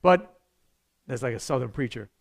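A man, a pastor teaching an evangelism class to his church in a conversational way, breaking into sudden loud bursts. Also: mid-range voice, animated, normal speed, creaky.

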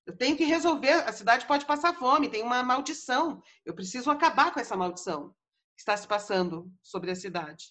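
Insistent young king, read by a woman in casual retelling, slightly high and pressing. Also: expressive, a little fast, a bit bright. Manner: urgent, insistent questioning. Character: proud young king Oedipus, man, insistent. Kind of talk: casual storytelling.

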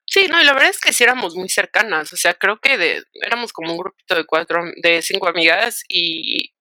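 A young Mexican woman talking in a bright, forceful voice, animated and slangy, with English words dropped in. The recording is close and dry, with no room sound. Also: lowish voice, a little fast, dry recording. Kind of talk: casual chat, storytelling.

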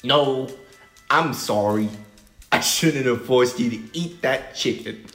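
A man voicing a blunt, exasperated young woman in a high put-on voice during an improvised table read. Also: a bit bright, reverberant, soft background music. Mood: apologetic. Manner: high put-on voice, drawn-out lines.

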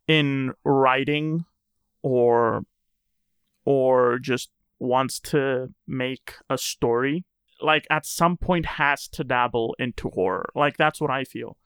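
A man's voice: medium pitch, slow, fairly bright tone, clear, resonant tone, no echo, studio quality. A man talking casually in conversation, musing at length with many fillers. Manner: rambling, filler-heavy, reflective. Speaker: conversation guest.

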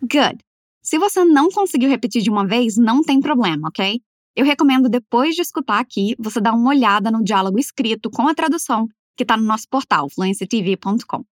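Uma mulher dando aula de inglês em português, falando devagar e articulando as frases com cuidado para o aluno repetir. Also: female voice, a little high, expressive, dry recording, studio quality. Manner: slow, careful over-articulated model phrases. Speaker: English teacher. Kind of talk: language lesson, repeat-after-me drills.

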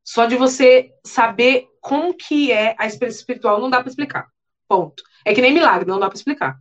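A young adult woman preaching, telling a personal testimony in an earnest, animated way with many repetitions. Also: fairly high pitch, brisk. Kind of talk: emotional testimony sermon. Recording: dull lo-fi sound.

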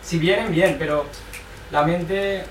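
Man, earnest advice-giver in a group, fairly high voice, picked up from afar in an echoing room. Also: steady tone, slow. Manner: earnest, advising, keeps adding a tag question. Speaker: group participant. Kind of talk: reflective group sharing talk. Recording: echoey room from far off, faint noise.

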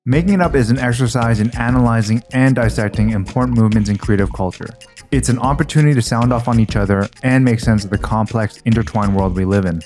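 A man's voice: mid-range voice, fast talker, darkish tone, soft background music. A man co-hosting a podcast from his kitchen table, thinking aloud with frequent restarts and hedges. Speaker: podcast co-host. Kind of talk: casual chat.

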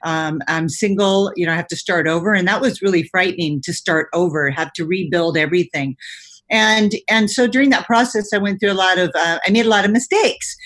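A woman's voice: on the low side, fairly quick, a bit bright. A woman in her fifties from California, a relationship coach speaking earnestly and reflectively as an interview guest. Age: 50s.

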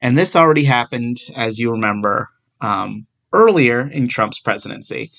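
A man's voice: mid-range voice, expressive, normal speed, creaky, a bit bright. A young man in law school hosting his own solo podcast, talking through a legal topic in a casual, self-deprecating way with dry sarcasm. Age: young adult. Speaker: podcast host.

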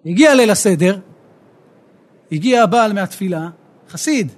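Husky high-voiced rabbi telling stories. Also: male voice. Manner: animated storyteller, rising to emphatic outbursts. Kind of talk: Torah lesson with stories.

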